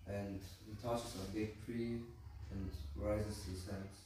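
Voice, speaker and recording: A man's voice: lowish voice, steady tone, slow. A young teenage male pupil hesitantly reciting a story at school. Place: school room. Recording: very echoey room, distant mic, faint noise.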